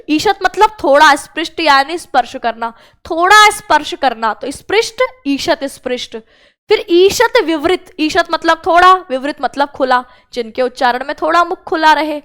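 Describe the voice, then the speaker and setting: High-voiced woman teaching slow Sanskrit drills. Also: fairly bright tone. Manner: drills mnemonics, has students repeat after her. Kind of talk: exam-prep lesson.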